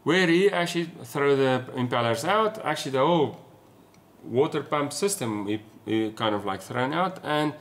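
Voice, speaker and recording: A man's voice: medium pitch, lively intonation, moderate pace. A man in his forties from South Africa with an Afrikaans accent, explaining things casually as a vlogger talking to camera indoors. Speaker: sailing vlogger. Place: small room at home, indoors.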